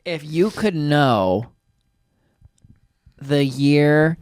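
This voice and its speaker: A playful man co-hosting a casual podcast, full of jokes and goofy asides. His pitch swoops around in a lively way. The sound is dry and close to the mic. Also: extremely slow, clean tone, dry recording. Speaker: podcast co-host. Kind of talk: casual chat.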